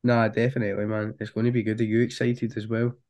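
A man's voice: fairly low pitch, flat delivery, fast talker, a little mellow. A man with a broad Scottish accent, talking informally and slangily as a music artist being interviewed. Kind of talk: casual interview chat.

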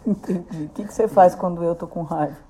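A woman gently asking her children questions. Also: fairly low pitch, quick pace, slight background noise. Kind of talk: casual chat.

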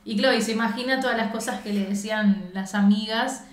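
A woman's voice: mid-range voice, fairly even intonation, fairly quick. A young woman with a Rioplatense Spanish accent chatting casually as co-host, laughing often and chiming in. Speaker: co-host reviewing a film. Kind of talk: casual chat. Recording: echoey room.

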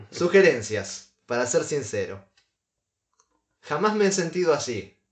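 A man's voice: a little high, sing-song, unhurried, roomy sound. A man co-hosting a casual comedic podcast, reading advice aloud with dry asides and chuckles. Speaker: podcast co-host.

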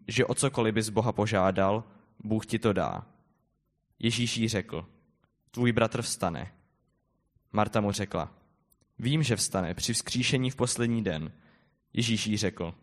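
A man reading a long scripture passage aloud in a measured, plain way. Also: on the low side. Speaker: scripture reader. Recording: long hall reverb.

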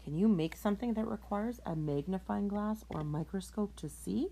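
A woman's voice: mid-range voice, normal speed, gravelly, warm tone, slightly rough. A woman hosting a late-night solo podcast, tired and yawning, rambling in a chatty, self-deprecating way. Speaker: podcast host. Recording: home recording, phone held up for clip.

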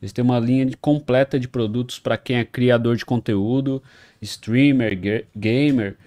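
A man's voice: medium pitch, fairly even intonation, moderate pace, warm tone. A man co-hosting a podcast, reading sponsor spots in a conversational way with tag questions. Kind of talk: sponsor read in casual chat.

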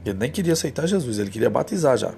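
A man's voice: mid-range voice, very animated, very fast, gravelly, a little mellow, a little hiss or hum. A man preaching a sermon, telling a story and then exhorting women directly.

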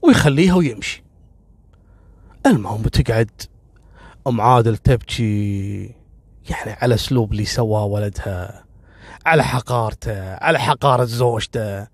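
A man's voice: on the low side, moderate pace, long pauses, slightly rough, no echo. A man telling a family story casually, with emotional asides.

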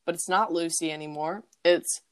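A young woman co-hosting a casual book podcast, her voice smooth and clear and set a little low. She rambles along with plenty of fillers. The sound is dry and close. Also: fairly even intonation, moderate pace, no echo. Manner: chatty, rambling, with frequent fillers. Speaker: podcast co-host.

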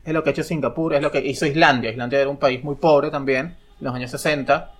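A man co-hosting a casual podcast, explaining economics insistently and getting loud when pressed. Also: medium pitch, steady tone, quick pace. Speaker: podcast co-host. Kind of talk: casual debate.

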